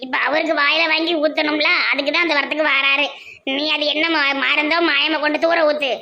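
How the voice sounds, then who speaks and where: Cartoon village aunt, Tirunelveli accent; high, sharp, bright scolding voice. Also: female voice, flat delivery, highs cut off. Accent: Tirunelveli Tamil. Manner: scolding, rapid nagging. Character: scolding middle-aged village aunt, suspicious and sharp-tongued. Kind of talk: cartoon voice acting.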